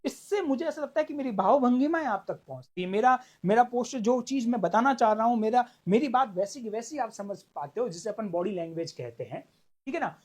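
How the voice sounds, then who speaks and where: Male law tutor for online exam prep: animated delivery, a lively up-and-down pitch, acts out little exchanges, drags out key terms. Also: brisk. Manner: stretches key words for emphasis. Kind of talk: online class lecture.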